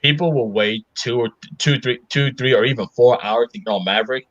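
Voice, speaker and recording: A young man co-hosting a casual chat, slangy and hyped, quick to laugh and shout. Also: mid-range voice, dry recording, highs cut off. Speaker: co-host.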